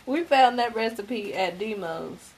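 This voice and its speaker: A woman's voice: medium pitch, lively intonation, slow. A woman in her twenties hosting a live cooking demonstration, talking casually to her viewers and laughing easily. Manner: chatty, talks to viewers directly, laughs easily. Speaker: cooking show host. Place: home kitchen. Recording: kitchen noise from frying pans. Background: sizzling pans and utensil clatter.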